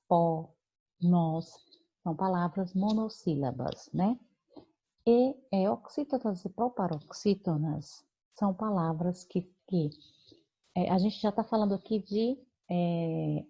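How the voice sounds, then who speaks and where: A woman's voice: fairly low pitch, mellow, breathy edge, muffled recording. A Brazilian woman teaching a remote lesson, explaining patiently with many fillers and check-ins to her students. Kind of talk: remote lesson correcting homework.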